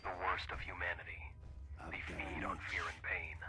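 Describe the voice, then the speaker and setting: An actor voicing a grim male survivor in a video game who speaks gravely of fanatics. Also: low voice, flat delivery, normal speed, very noisy, lightly acted. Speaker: game character.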